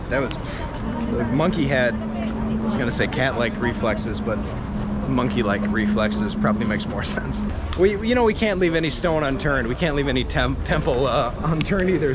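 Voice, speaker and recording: Upbeat vlogger man on a noisy street. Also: a little high. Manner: upbeat, chatty, slangy, laughs often. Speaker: travel vlogger. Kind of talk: casual travel vlog. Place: outdoors at a busy temple site. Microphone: handheld action camera at arm's length. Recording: loud outdoor background noise. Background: loud outdoor street noise.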